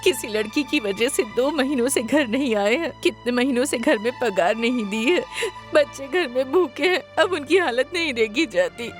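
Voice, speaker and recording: Meek devoted wife voiced by a woman, soft pleading delivery, high-pitched. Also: moderate pace, faint music behind, lightly acted. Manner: pleading, submissive. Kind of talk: Hindi film dub acting. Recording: dubbed film with loud score.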